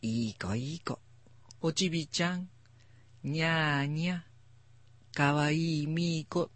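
A man's voice: fairly high pitch, sing-song, normal speed, slightly rough, no room sound. A man doing a cooing, doting housewife. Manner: cooing, gentle. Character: soft-hearted doting housewife.

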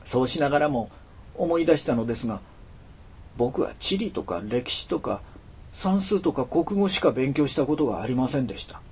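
A man narrating a storybook in an expressive, dramatic storytelling manner with a husky voice. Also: mid-range voice, normal speed. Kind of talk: storybook reading.

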